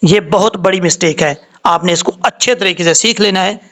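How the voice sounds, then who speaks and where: A man teaching a tajweed lesson, spelling out letters and vowel marks before he draws the recited words out slowly. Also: high-pitched, fairly bright tone. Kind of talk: slow step-by-step tajweed lesson.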